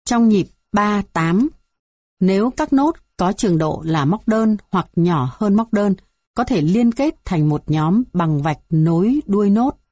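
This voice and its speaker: A woman reading a music theory textbook aloud in an even, measured way, going through numbered items. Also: mid-range voice, dry recording, clean studio sound. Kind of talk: scripted textbook narration.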